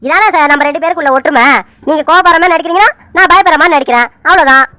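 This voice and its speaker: A woman plays a playful, teasing man on the phone in a cartoon serial, who fakes fright and coaxes in quick, bright, very high tones. The voice sounds close and dry, with no room around it. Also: dry recording. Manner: teasing, mock-pleading, wheedling. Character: man called Surya sir on the phone, teasing. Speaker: cartoon character. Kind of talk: animated serial dialogue.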